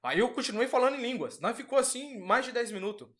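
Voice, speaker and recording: High-voiced man telling a testimony. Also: expressive, fast, a bit bright. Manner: earnest storytelling, acts out quoted dialogue. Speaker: podcast guest giving testimony. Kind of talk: casual testimony.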